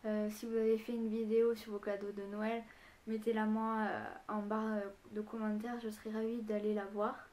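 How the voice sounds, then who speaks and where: A woman's voice: medium pitch, level tone, moderate pace, darkish tone. A young woman chatting through a casual beauty vlog, gushing as she shows off products. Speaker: beauty vlogger.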